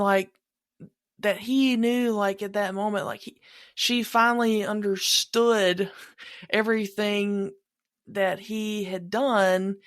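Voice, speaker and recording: A woman's voice: medium pitch, fairly bright tone, no echo. Chatty woman, dry close sound. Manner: rambling, many fillers and restarts. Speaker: podcast co-host. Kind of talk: casual fan podcast chat.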